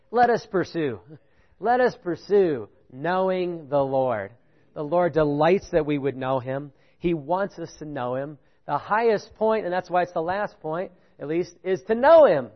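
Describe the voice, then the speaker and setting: Animated preacher man, higher voice. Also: dull audio. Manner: animated, rising pitch on key points, chuckles, asks "right?". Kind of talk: sermon with audience participation.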